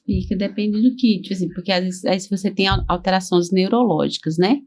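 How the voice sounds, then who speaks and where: A woman's voice: mid-range voice, a little fast, a little mellow. A woman speech therapist in an interview, explaining casually with relatable comparisons.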